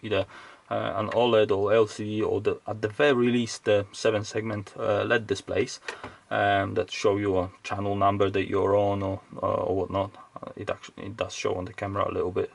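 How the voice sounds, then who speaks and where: Working indoors at a home bench, this electronics hobbyist, probably middle-aged, gives casual, rambling, hesitant narration of an unscripted teardown for his video. The fairly low voice has vocal fry and little pitch movement, running fairly quick with few pauses. Faint background noise and clicks are audible.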